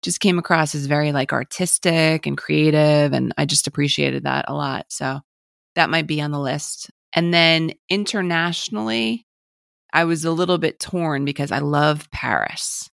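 A woman's voice: low-pitched, normal speed, creaky, fairly bright tone, dry recording, clean studio sound. Enthusiastic woman podcast co-host. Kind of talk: casual chat.

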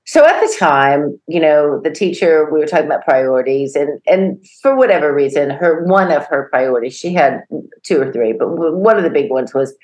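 A middle-aged woman co-hosting a podcast, telling a story in a lively way and acting out the voices of the people in it. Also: low voice, normal speed. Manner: animated storyteller, acts out quoted voices, laughs often. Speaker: podcast co-host. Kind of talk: casual storytelling chat.

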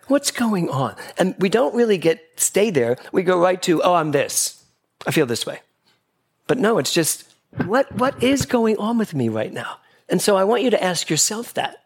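A man giving a spiritual talk to a live audience in a gathering hall, playful and animated as he acts out little exchanges in quoted voices. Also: high-pitched, slightly rough.

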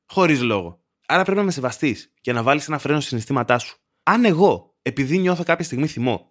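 A man in his thirties hosting a solo podcast from his bedroom, ranting in a sardonic, deadpan way. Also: on the high side. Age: 30s. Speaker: podcast host. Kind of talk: solo comedic podcast monologue.

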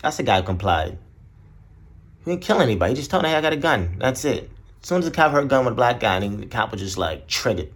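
Husky-voiced man ranting, lively pitch. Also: fast. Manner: blunt, profane, rambling, mimics others in high voices. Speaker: podcast host. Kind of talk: solo casual rant.

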